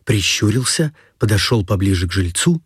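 A man narrating a story in a steady storytelling manner. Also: fairly low pitch, husky, no echo, clean studio sound. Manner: steady storytelling, brisk past-tense narration.

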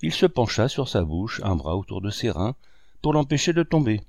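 Man reading a novel, fairly low voice. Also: vocal fry, no room sound, studio quality. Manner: measured, expressive reading with wide rises and falls. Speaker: audiobook narrator. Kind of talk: literary audiobook narration.

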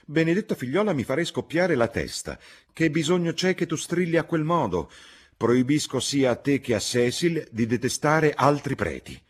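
A man reading an audiobook, voicing a blunt middle-aged mother in a loud, husky, scolding tone. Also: low voice, very animated, moderate pace, voice pushed up. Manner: loud, scolding, matter-of-fact.

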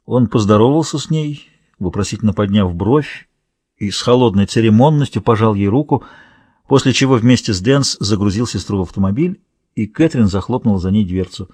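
A man narrating a thriller audiobook in a steady, measured reading. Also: lowish voice, breathy edge, no room sound. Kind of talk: scripted narration.

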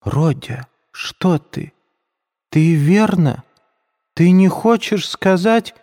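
A man reading the part of a timid, anxious older mother, raising his voice high and pleading. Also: fairly even intonation, measured pace, warm tone, long reverb tail. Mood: frightened pleading.

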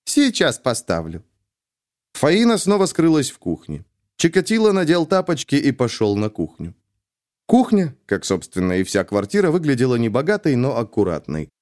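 A man reading an audiobook in steady, even scripted narration. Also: medium pitch, normal speed.

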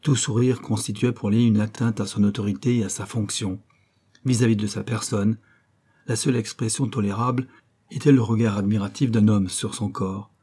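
A man reading a novel aloud as an audiobook narrator, in a measured, even literary style. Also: on the low side, husky. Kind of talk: scripted narration.

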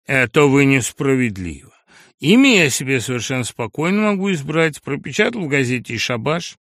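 A man's voice: medium pitch, very animated, a little fast, fairly bright tone, dry recording, clean studio sound. A male audiobook reader voicing a crude, brash young man newly made from a dog, mocking, aggrieved and insistent. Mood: smug. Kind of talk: audiobook character reading.

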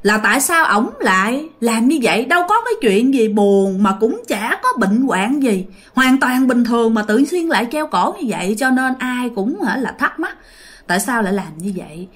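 A woman's voice: a little high, big pitch swings, normal speed, a bit bright, breathy edge. A woman with a Southern Vietnamese accent telling a ghost story in a casual, chatty way, talking directly to her listeners.

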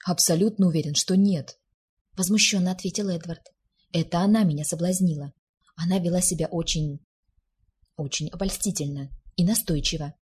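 A flustered young man who sulks and grumbles in his own defence, as a woman reads him. The voice is low and very breathy, a storybook reading of a sheepish gentleman. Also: fairly quick. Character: flustered young man, sulky, self-mocking.

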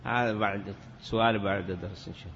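A man's voice: fairly low pitch, steady tone, fast, a bit bright, big-room sound, highs cut off, slight background noise. A man teaching a grammar lesson in a classroom, asking questions and answering them himself, sometimes drawing words out in a chanting lilt. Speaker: teacher of Arabic morphology. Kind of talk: classroom lecture.

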